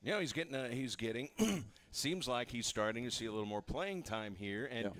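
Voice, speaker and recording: Sports show host guy, mid pitch, eager play recaps. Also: animated, brisk, a bit bright. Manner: eager, recaps plays with stats. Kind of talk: sports interview hosting.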